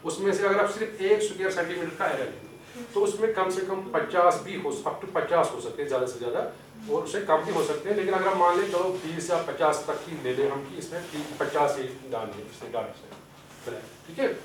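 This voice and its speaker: A man with a Kashmiri accent giving a training lecture, explaining step by step, asking questions and then answering them, slipping English terms into his speech. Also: fairly high pitch. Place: lecture hall. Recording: echoey hall, distant mic, faint hiss.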